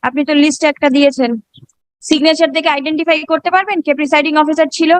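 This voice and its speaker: A woman's voice: sits high, fairly even intonation, very fast, no room sound. A woman with a Bengali Indian accent questioning someone as a judge in court, probing and repeating her questions pointedly.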